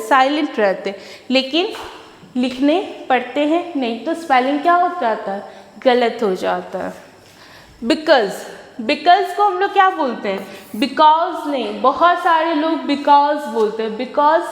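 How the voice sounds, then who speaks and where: A woman teaches an English lesson, reading each rule out slowly and then explaining it. She keeps asking questions and answering them herself, in a fairly high voice. The room is echoey with a long reverb. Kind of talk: online class lecture.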